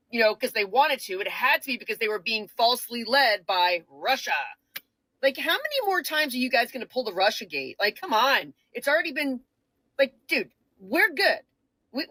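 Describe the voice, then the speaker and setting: Mocking woman drawing out her words, higher voice, very dry sound. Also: bright, forceful tone, no room sound. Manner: mocking, sarcastic, drawn-out emphasis. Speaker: social media commentator. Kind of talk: direct-to-camera rant.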